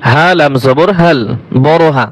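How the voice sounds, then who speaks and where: A man teaching recitation letter by letter, naming each letter and vowel mark and then reciting the words slowly. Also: on the high side, steady tone. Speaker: Quran reading teacher.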